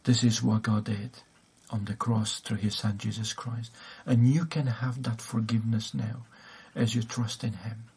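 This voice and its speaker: A man's voice: on the low side, fairly even intonation, measured pace, gravelly, hardly any pauses, darkish tone, husky. A man preaching a sermon, hesitant, with many fillers and restarts.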